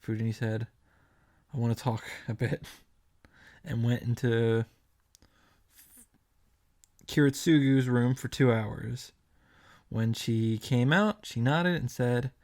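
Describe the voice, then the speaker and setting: Pausing often and speaking a little slowly, this man has a medium-pitched, slightly mellow voice. He hosts a visual novel reaction and summary series, dramatically reading the narration and adding his own wry commentary.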